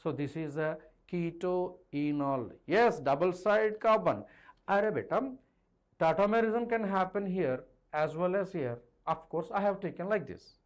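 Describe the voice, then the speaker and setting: A middle-aged male teacher with an Indian accent explains at the board in a live online lesson. His voice sits a little high for a man. He addresses students directly and slips between two languages as he explains. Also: normal speed. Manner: code-switches between English and Hindi, addressing students directly. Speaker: chemistry teacher. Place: indoor teaching studio with a digital board. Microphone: clip-on lapel mic.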